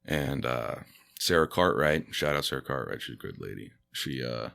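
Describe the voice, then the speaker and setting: This stand-up comedian, a man whose first language was Spanish, has an extremely low, bright and forceful voice with vocal fry, animated delivery and a moderate pace. He's a guest on a podcast, chatting casually in a relaxed, rambling style packed with fillers and restarts.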